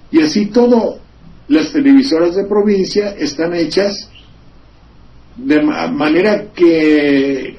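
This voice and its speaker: A man with a Mexican Spanish accent hosting a radio talk show, giving digressive, sardonic political commentary full of asides and wordplay. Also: a little high. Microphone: studio microphone. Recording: slightly dull lo-fi radio recording.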